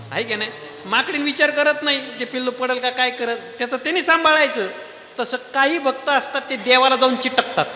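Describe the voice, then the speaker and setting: A man with a very high voice preaches a devotional sermon in a big hall. He keeps quizzing his listeners with rhetorical questions, and the long echo rings behind him over instrumental music. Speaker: kirtan preacher. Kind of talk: devotional sermon with sung verses.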